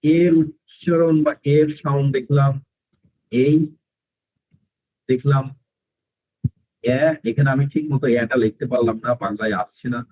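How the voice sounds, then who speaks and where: Husky man teaching phonics slowly. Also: mid-range voice, steady tone, no echo, phone-quality sound. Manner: slow, step-by-step explaining with questions to pupils. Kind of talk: online class for children. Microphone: video call.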